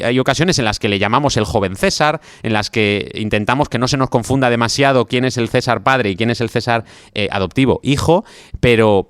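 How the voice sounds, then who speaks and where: A man with a Spanish accent, a guest historian talking through a story in a relaxed interview, with many fillers. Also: on the low side, dry recording, studio quality. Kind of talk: conversational interview.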